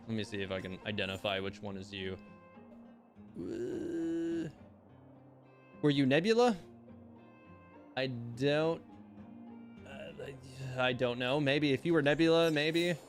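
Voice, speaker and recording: A man's voice: medium pitch, gravelly. A man streaming a game, chatting casually with viewers in an easygoing, rambling way. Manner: rambling, easygoing, hesitant fillers. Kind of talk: casual live-stream chat. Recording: streamer mic with faint game music.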